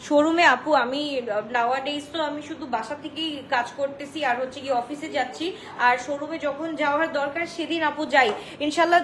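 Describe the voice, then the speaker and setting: A woman from Bangladesh runs a live sales stream from home, loud and chatty, slipping English phrases into her talk as she answers viewers. Her voice sits high and the words come quickly. The room around her is echoey, with a faint hiss of background noise. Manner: chatty, mixes English into Bengali, addresses viewers as apu; talks loudly on purpose. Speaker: online dress seller. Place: indoors, home.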